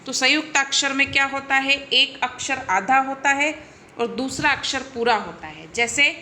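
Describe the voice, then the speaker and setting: A woman's voice: high voice, moderate pace, bright, forceful tone, slight background noise. A woman teacher giving a recorded grammar lesson, explaining step by step and checking in often. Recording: echoey room.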